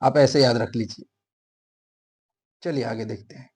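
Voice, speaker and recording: A man's voice: medium pitch, fairly even intonation, unhurried, darkish tone, breathy edge. A man teaching a grammar lesson for an exam, explaining step by step and answering his own questions.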